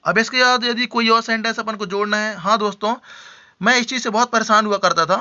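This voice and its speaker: A man with a high, very bright and sharp voice teaches spoken English. He explains patiently, checks in often with his learners and repeats his example sentences slowly. The recording sounds dull and lo-fi. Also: steady tone. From India. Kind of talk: Hindi-language English lesson.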